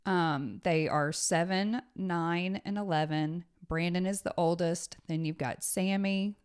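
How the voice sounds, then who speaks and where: Slow, low-voiced woman co-hosting a podcast. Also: fairly even intonation, smooth. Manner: earnest, thoughtful, with frequent mm-hmms. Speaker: podcast co-host. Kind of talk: casual chat.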